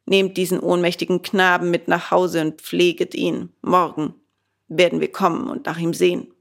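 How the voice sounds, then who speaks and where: A woman's voice: fairly low pitch, little pitch movement, moderate pace, vocal fry. A woman reading a storybook aloud and voicing a stern male gendarme who barks curt orders. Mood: commanding.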